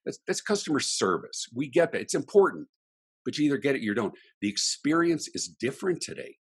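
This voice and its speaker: A man's voice: medium pitch, very animated, brisk, husky. A middle-aged man, a guest speaker on a podcast, talking emphatically in a ranting, example-filled way. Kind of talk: animated interview talk.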